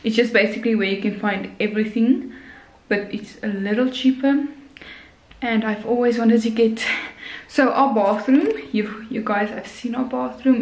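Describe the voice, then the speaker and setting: A young woman vlogs at home, chatting casually and rambling straight to the camera while she cooks, moving between her kitchen and bathroom. She films on a handheld phone at arm's length, her voice is on the high side, and the recording quality is low.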